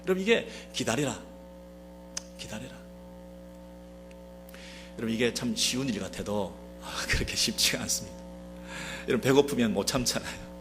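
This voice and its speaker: Male pastor, mid-pitched, very animated delivery, sermon to a congregation, faint music bed. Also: normal speed, pauses often. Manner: animated preaching with rhetorical questions to the congregation. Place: church sanctuary.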